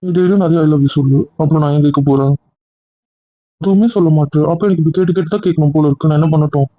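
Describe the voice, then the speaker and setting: A man's voice: on the high side, steady tone, fast talker, no echo, close to an everyday voice. A man playing a pleading, insecure young boyfriend. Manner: coaxing, pleading. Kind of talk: web drama acting. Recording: dry, phone-like thin recording.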